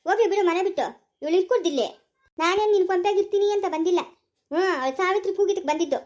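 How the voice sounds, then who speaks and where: Woman doing a bickering village auntie in a family skit, super high voice, talks fast. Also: darkish tone. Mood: complaining. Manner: scolding, bickering. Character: quarrelsome sharp-tongued village woman.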